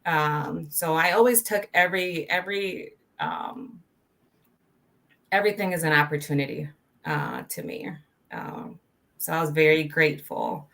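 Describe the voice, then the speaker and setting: A woman in her thirties from Colombia, a podcast guest talking earnestly and softly about her life, with frequent ums. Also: deep voice, sing-song, measured pace, creaky. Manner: soft-spoken, earnest, many ums. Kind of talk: casual interview.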